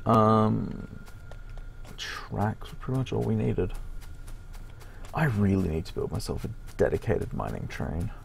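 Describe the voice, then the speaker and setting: A middle-aged man giving casual gameplay commentary in a deadpan way, swearing lightly and muttering to himself. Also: lowish voice, unhurried, creaky, pauses often, a little hiss or hum. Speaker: gaming channel host.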